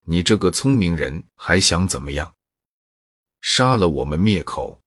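A sly, clever young man, as a storyteller puts him on, talking in a relaxed, probing way. The voice sits low and husky, recorded dry and close in an audiobook. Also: unhurried, no echo, full character voice. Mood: mocking.

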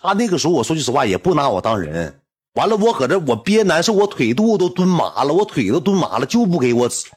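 Northeastern chinese guy ranting through a funny story, lively up-and-down voice. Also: fairly high pitch, fast talker, husky, faint music behind. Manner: animated, rambling, indignant. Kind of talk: comic personal anecdote.

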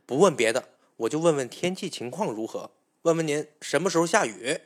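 A man's voice: on the high side, expressive, brisk. A man voicing a boastful, hot-tempered male dragon king in a spoken storytelling piece, blustering and threatening.

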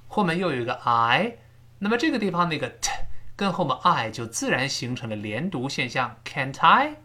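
Male language teacher, animated pitch, slows down to demonstrate sample words in a recorded lesson. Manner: explains step by step, drawing out sample words slowly. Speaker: English teacher. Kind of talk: recorded English pronunciation lesson.

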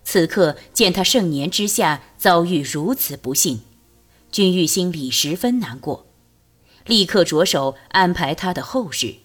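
A woman narrating a novel as an audiobook, reading in a lively, expressive storytelling way. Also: on the low side, measured pace, husky, soft background music.

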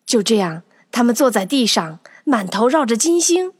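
Narrating a children's tale, a woman performs it with animated, scripted expressiveness. She speaks at a moderate pace in a fairly high pitch, against heavy background noise.

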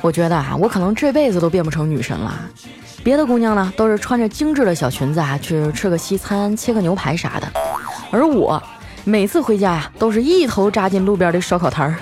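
A woman's voice: mid-range voice, big pitch swings. A woman host, telling funny everyday stories in a chatty way, drawing out the particles at the ends of phrases. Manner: chatty, drawn-out sentence-final particles. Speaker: streaming host. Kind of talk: comic storytelling monologue. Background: background music.

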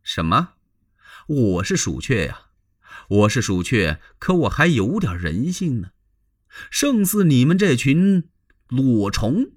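A man's voice: mid-range voice, sing-song, slow, husky, heavily acted. A man telling a traditional story, voicing an arrogant young male scholar who speaks with haughty scorn. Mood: scornful. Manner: haughty, wailing and mocking.

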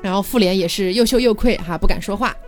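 A woman's voice: mid-range voice, fast talker. A woman hosting a podcast, casually retelling a classic tale and voicing the characters' lines. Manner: lively retelling with voiced quotes and laughter. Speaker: podcast host storyteller. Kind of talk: casual storytelling. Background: background music.

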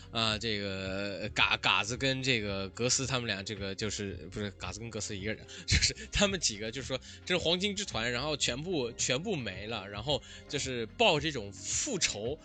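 Lively, bright-voiced man rambling through podcast chat. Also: mid-range voice. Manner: hesitant, rambling talk with many fillers. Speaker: podcast co-host.

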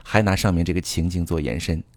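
A man's voice: sits low, fast, darkish tone, no room sound. A man giving relationship advice in an earnest, instructive monologue, speaking directly to his listeners.

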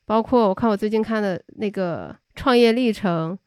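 A woman's voice: medium pitch, normal speed, a little mellow, clear, resonant tone, no room sound, clean studio sound. A woman hosting a podcast, chatting in a thoughtful, agreeable way. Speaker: podcast host. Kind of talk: casual conversation.

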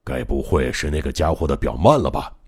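A man's voice: very deep voice, expressive, a little fast, breathy edge, pitched below the performer's own voice, heavily acted. A male narrator voicing an anxious, jumpy man in an audiobook, stammering and fretful. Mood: relieved. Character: anxious adult male guard, jittery and jumpy.

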